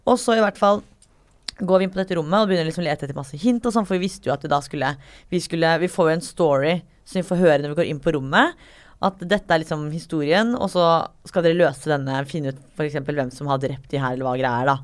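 Young woman in her 20s, storyteller, low-ish voice, swears casually, bursts into shrieks when she acts out quotes.

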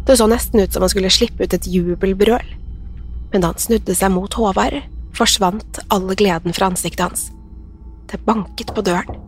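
A woman narrating a horror story in a measured, suspenseful way. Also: mid-range voice.

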